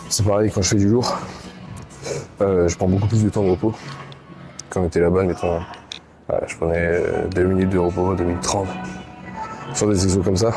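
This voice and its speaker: A deep, low-pitched man with a Swiss French accent talks through his back workout in a gym, stopping often on fillers. He sounds tired and a little flat. Loud music plays behind him throughout. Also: moderate pace, pauses often. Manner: hesitant, many fillers, explaining casually. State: low on energy, tired late at night. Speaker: gym vlogger. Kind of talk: casual workout vlog talk.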